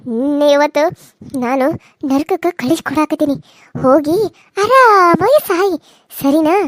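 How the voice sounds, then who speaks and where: Woman doing a cartoon village wife, vengeful and taunting, very high-pitched, dry close sound. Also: animated, fairly quick, dry recording. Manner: taunting, threatening. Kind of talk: cartoon serial dubbing.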